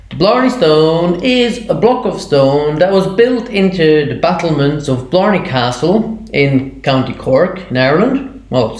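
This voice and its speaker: A man playing a teacher in a homemade drama, earnest and quoting literature aloud. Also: fairly high pitch. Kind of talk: amateur video drama. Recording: echoey room.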